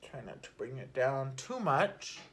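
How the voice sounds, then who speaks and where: A young woman talking casually through her makeup routine at home, chatty and unfiltered, swearing offhandedly and sometimes dropping to a soft murmur. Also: extremely low pitch, sing-song, a little slow, slight background noise. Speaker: beauty vlogger. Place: at home, not in a studio.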